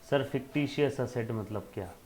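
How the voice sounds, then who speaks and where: A man's voice: mid-range voice, normal speed, darkish tone, a little hiss or hum, natural voice. A man voicing a curious young student who keeps asking his teacher eager follow-up questions.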